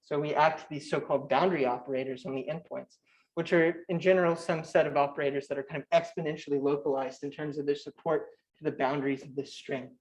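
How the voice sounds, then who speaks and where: A young man with a slightly high, steady voice gives an academic physics talk at a conference. He speaks fast and technically, stumbling into restarts and filler words, and the audio quality is poor.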